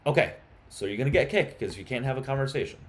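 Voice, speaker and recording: A man with a medium-pitched, expressive voice talks quickly while hosting a live stream. He chats casually with viewers, but when arguing with callers he becomes heated and insistent.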